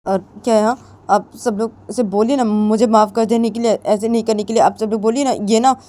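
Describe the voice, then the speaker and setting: A woman's voice: on the high side, steady tone, a little fast, warm tone, voice pushed up, natural voice. A woman storyteller voicing a remorseful young woman who pleads in a whiny tone. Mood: pleading.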